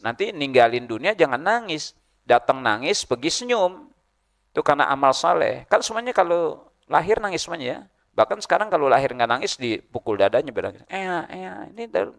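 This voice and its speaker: Gravelly joking mosque preacher. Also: male voice, medium pitch, fairly bright tone. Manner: humorous, chanting Arabic verses slowly. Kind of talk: mosque sermon.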